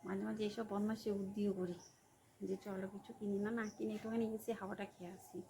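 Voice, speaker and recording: A woman's voice: medium pitch, level tone, brisk, vocal fry, dark tone, slight background noise. A young woman vlogging in a casual, coaxing way, often asking her viewers tag questions.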